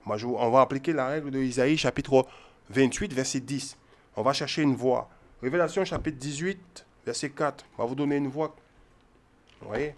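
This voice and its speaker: Speaking in a mid-range voice at normal speed, a man gives informal teaching on the Bible. He hammers his points through repetition and often asks listeners "ok?" or "hein?"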